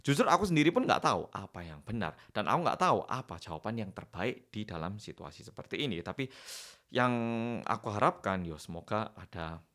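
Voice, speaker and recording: A man's voice: low-pitched, fairly bright tone. A young Korean man, speaking thoughtfully in casual commentary to camera and weighing both sides. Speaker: YouTuber.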